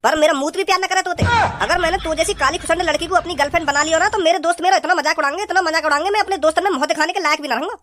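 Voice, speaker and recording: A woman's voice: very high voice, very fast, a bit bright. A woman voicing a rude, mocking young street punk in a cartoon, with a blunt, insulting manner. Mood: dismissive. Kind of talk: cartoon dubbing.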